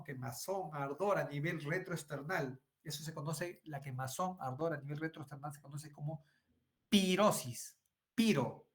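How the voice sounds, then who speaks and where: A middle-aged man giving an online medical lecture, repeating phrases and asking "right?" often. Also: a little high. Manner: frequent tag questions and fillers.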